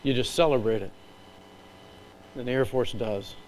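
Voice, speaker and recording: A man's voice: mid-range voice, darkish tone, slight background noise, poor audio. Earnest man giving a speech. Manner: earnest, emotional, with measured pauses. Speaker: Air Force leader giving a speech. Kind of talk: slide-presentation speech.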